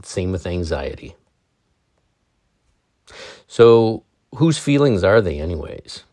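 A man hosting a meditation talk show, reading an article aloud in a calm, measured way, then adding his own gently wry remarks. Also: lowish voice, dry recording, clean studio sound. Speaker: meditation podcast host.

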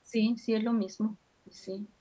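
A woman's voice: a little high, level tone, takes it slowly, mellow, husky. A woman, speaking as a guest on a call. She talks in a loose, chatty way, stringing family anecdotes together with fillers. She laughs often between stories. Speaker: guest entrepreneur; mother. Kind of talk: casual conversation over a call.

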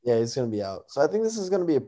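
A man's voice: medium pitch, sing-song, rapid-fire, mellow. A young American man co-hosting a sports talk, casually giving predictions on games.

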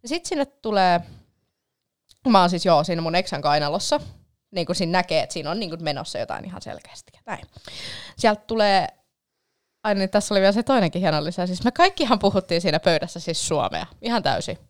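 A woman's voice: lowish voice, lively intonation. A young woman telling a long story in a casual chat, rambling with lots of fillers and the odd swear.

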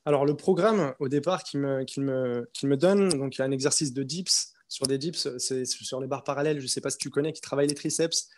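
A man's voice: medium pitch, brisk, few pauses, darkish tone, a little hiss or hum. A man in his twenties, an interview guest, telling his story in a casual, hesitant way with many fillers and restarts. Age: 20s.

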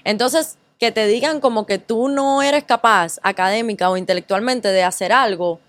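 Female interview guest, Cuban accent, animated storyteller who slips into Spanglish. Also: on the high side, moderate pace, no echo. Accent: Cuban Spanish. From Cuba. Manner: lively storyteller, mixes English words into Spanish. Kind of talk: casual interview chat.

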